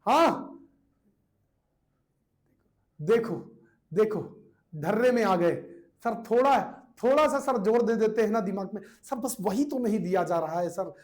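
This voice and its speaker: A man with a high-pitched voice runs an exam coaching lesson. He repeats each answer several times and nags his students in a playful, scolding way. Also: lively intonation, normal speed, a little mellow. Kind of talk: online class quiz lesson.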